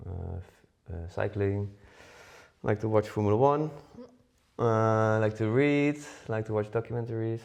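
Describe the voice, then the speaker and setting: Gravelly and a little mellow, the man's voice sits on the low side and keeps a measured pace. He's a Dutch podcast co-host in his forties, chatting casually with plenty of fillers and false starts.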